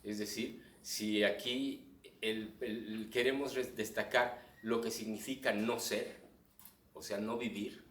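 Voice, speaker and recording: A man's voice: lowish voice, steady tone, takes it slowly, a bit bright. A man with a Mexican accent, a clown presenting his book, explaining stage timing to a live audience and acting out what they think. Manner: explanatory, acts out audience thoughts in asides. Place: live event room with audience. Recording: echoey room, distant mic.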